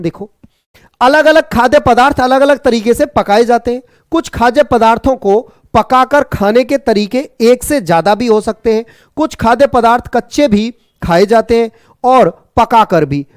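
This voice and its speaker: A man teaching an online exam-prep class, brisk and repetitive, teasing and jokingly scolding his students. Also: extremely high pitch, no room sound, studio quality.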